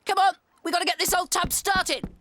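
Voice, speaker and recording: A woman's voice: very high-pitched, steady tone, a little fast, bright, forceful tone, slight background noise. A woman playing a mischievous, determined young boy ringleader in a cartoon, bold and scheming. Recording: music behind the dialogue.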